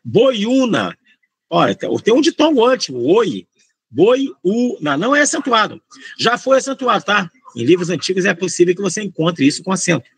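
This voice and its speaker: A man's voice: high voice, brisk, slightly rough. A Brazilian man with a Brazilian Portuguese accent, tutoring exam candidates in an informal, slangy grammar lesson and talking to the students as a group. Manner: slangy, lively, rambling, addresses students as gente.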